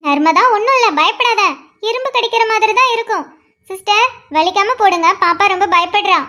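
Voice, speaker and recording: A woman voicing a bossy young woman who brings a patient to hospital and gives brisk, scolding orders in a cartoon. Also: very high voice, bright, forceful tone. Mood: impatient.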